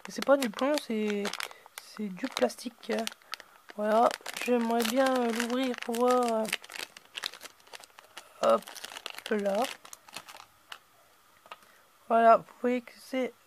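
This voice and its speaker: A man hosting a casual unboxing video, hesitant and filling his pauses with "euh" and "voilà". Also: very high-pitched, steady tone, background noise.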